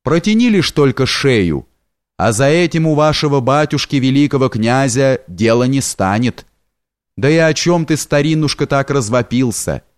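A man reading an audiobook voices a sinister, calm male stranger who speaks slowly and with contempt. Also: medium pitch, dry recording, clean studio sound, close to an everyday voice. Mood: scornful.

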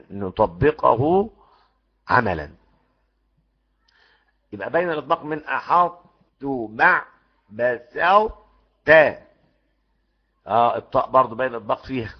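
Man, Egyptian Arabic accent, recitation teacher, gravelly voice, muffled lo-fi sound. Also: mid-range voice. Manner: animated, demonstrates sounds repeatedly, asks the class questions. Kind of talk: lecture on tajweed rules. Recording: muffled lo-fi recording.

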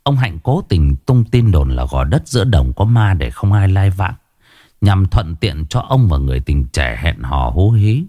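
A man narrates a dramatic tale in a deep, lively voice that rises and falls with the story. The recording is dry and close, with faint music beneath. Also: a little slow, dry recording.

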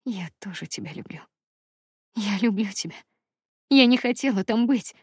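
Young woman in love, read by a woman, tearful, trembling, breathy, husky. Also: mid-range voice, expressive, moderate pace, dry recording, clean studio sound. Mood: tender. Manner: trembling, breathy whisper rising to earnest.

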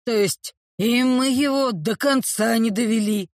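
A woman voicing a young male orc, speaking low and subdued with remorse, in an audiobook reading. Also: measured pace, no echo, clean studio sound, close to an everyday voice. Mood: remorseful. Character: young male orc, gruff yet apologetic. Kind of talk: audiobook character voice.

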